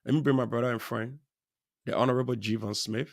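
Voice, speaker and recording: A man hosting a live talk show, rambling through chatty shout-outs to viewers with frequent chuckles. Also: medium pitch, fairly even intonation, fast, creaky, dry recording, studio quality. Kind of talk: casual live-show chat. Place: studio.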